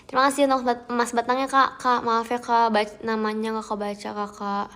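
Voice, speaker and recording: A woman's voice: fairly high pitch, flat delivery, fairly quick. Chatty young woman streaming live from home. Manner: chatty, thanking viewers, slipping into soft whispers. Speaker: idol livestream host. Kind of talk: casual livestream chat. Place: at home, outside her bedroom.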